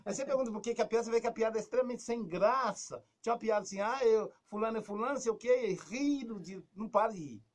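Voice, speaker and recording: A man with a Brazilian Portuguese accent giving casual advice on a talk show, lively, acting out quoted lines and dropping to a soft, low voice. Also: fast talker, hardly any pauses.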